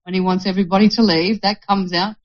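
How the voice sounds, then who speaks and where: A woman's voice: mid-range voice, steady tone, fast. A woman in a group meeting telling a personal story in a candid way, with laughter along the way, on a muffled recording. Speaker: group participant.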